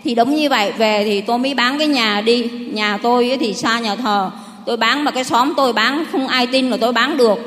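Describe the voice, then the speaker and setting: High-voiced woman in an echoing hall. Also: brisk, a bit bright. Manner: rambling, heartfelt storytelling with many restarts. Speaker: parishioner giving testimony. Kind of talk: church testimony. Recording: long hall reverb.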